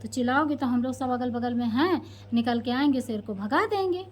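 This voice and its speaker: Reassuring village folk in a storybook tale, as a woman puts them on. High, friendly voice. They sound close to the storyteller's own voice. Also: a little fast, darkish tone.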